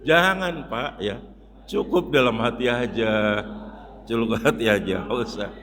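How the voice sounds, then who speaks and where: A man giving a mosque sermon in a lively, joking way, often turning to his listeners and acting out shouts. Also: medium pitch, unhurried, a crowd in the background. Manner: lively, jokey, addresses listeners as "Pak", acts out shouts. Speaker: Islamic preacher. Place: mosque hall. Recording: long reverb of a hall.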